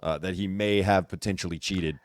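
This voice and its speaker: A man hosting a casual gossip commentary chat, talking in an animated, teasing way with emphatic repetition. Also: sits low, fairly quick, dry recording, clean studio sound. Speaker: host.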